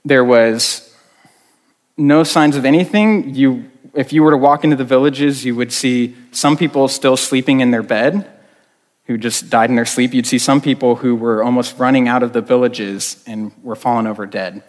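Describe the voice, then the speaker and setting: A man's voice: medium pitch, steady tone, moderate pace. Male youth pastor, casual storytelling sermon, lots of ums, long hall reverb. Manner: conversational with frequent fillers.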